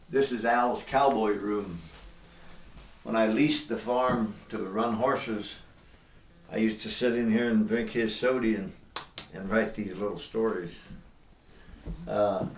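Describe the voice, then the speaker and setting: Echoey older American man with cowboy twang. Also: fairly low pitch. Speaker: cowboy poet. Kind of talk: folksy storytelling and cowboy poetry recitation. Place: inside an old log barn. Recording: roomy echo, distant microphone.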